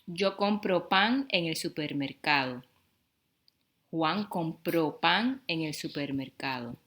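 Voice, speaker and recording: Female example reader, low voice, deliberate enunciation. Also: lively intonation, a bit bright. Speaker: example speaker. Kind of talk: slow example sentences.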